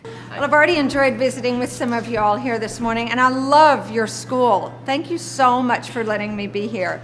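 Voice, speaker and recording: A woman from a sponsoring company announcing student film contest finalists to high school classes in an upbeat, congratulatory way. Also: moderate pace, soft background music. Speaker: sponsor representative.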